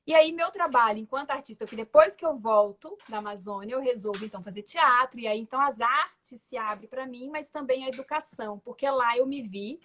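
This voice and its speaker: A woman in her forties from Belo Horizonte, Brazil, speaks Minas Gerais Portuguese in a voice on the high side, brisk and a bit bright, with few pauses. As a guest artist on a video call, she tells her story thoughtfully in a reflective, conversational way, using frequent tag words and restarts.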